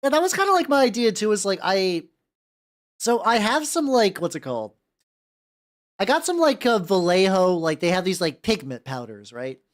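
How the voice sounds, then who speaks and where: An animated livestreamer keeps up a constant stream of casual chat while painting miniatures. The voice sits at a middle pitch but swings up and down a lot, and the talk rambles along with plenty of swearing. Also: normal speed. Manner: rambling, talkative, foul-mouthed. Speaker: livestream host.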